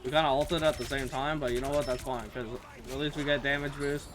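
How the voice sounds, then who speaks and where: A man streaming a game live, commentating excitedly and laughing often. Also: mid-range voice, fast.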